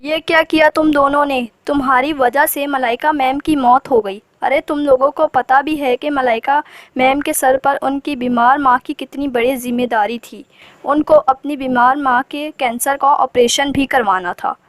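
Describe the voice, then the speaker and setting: A woman plays a stern cartoon principal who scolds with indignation. Her voice is high in pitch. The recording is dry and close. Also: steady tone, moderate pace, dry recording, lightly acted. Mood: scolding.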